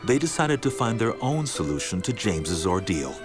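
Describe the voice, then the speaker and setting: A man reading a scripted documentary narration in a dramatic way, slowing down on key words, with music playing behind him. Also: lowish voice, very animated. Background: background music.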